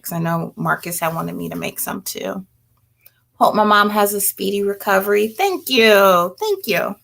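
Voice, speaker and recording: A middle-aged woman hosts a home herbalism livestream, chatting casually and reading and answering viewer comments as they come in. She has a mid-range voice with vocal fry and a bit of brightness.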